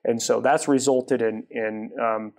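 A retail property developer sits as a guest for a studio interview on a TV set, recorded through a lapel mic. His mid-pitched voice carries a gravelly, creaky edge, and after restarting sentences he settles into steady explanation at a measured pace.

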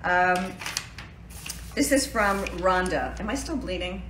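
Woman in her 60s, low-ish voice, self-deprecating chatty livestream host, roomy home room, faint hum. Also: lively intonation, takes it slowly. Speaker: actress hosting a birthday fundraiser livestream. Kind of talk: casual livestream chat. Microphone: phone at arm's length. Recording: roomy home phone recording.

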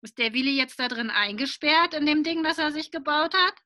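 A woman reading a picture book aloud to children, lively and asking them questions along the way. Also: sits high, fairly quick.

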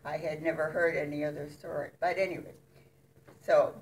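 An older woman, a former French teacher, reminiscing in a halting, wandering way. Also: sits low, level tone. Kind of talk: reminiscing talk. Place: church fellowship hall. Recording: distant mic, faint room noise.

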